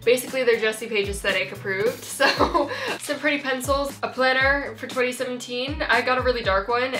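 A woman's voice: on the high side, normal speed, fairly bright tone, echoey room, soft background music. A young woman hosting an upbeat haul vlog, bubbly and self-mocking, giggling often between lines. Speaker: YouTuber.

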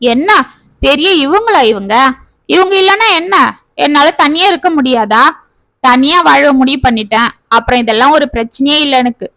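Woman reading as a headstrong young mom, high voice, dry close sound, proud and quick to push back. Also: a bit bright, dry recording. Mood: defiant. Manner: defiant, anxious. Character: young mother, proud and stubborn.

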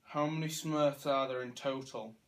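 A man's voice: medium pitch, fairly even intonation, moderate pace, fairly bright tone. A British teenage man trading casual quiz banter on a sofa indoors. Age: teens. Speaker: challenge participant. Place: living room sofa, indoors. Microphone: camera a short distance away.

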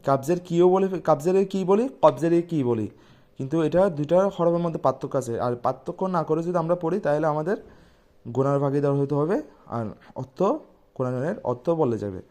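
A man teaching pronunciation, repeating each sound slowly and loudly before explaining calmly. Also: fairly high pitch. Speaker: Quran recitation teacher. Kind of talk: letter-by-letter pronunciation lesson.

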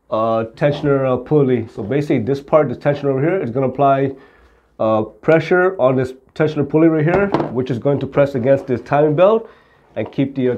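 A middle-aged auto repair instructor explains car repair to the camera, plain-spoken and step by step. His voice is medium-pitched, and the muffled recording carries a noisy background.

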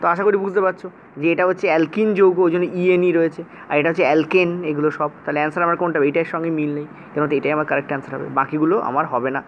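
A male teacher with a Bengali accent from West Bengal, giving a brisk exam-prep science lesson and checking in often with his students. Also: on the high side. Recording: dull lo-fi sound with faint noise.

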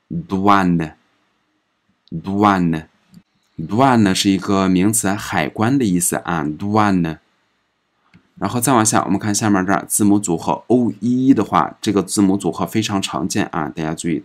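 A man with a very low voice teaching a recorded pronunciation lesson at an unhurried pace. He explains each rule patiently, softening his phrases with small particles, and stretches out each example word, saying it again and again. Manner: repeats each example word several times, drawn out. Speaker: French language teacher.

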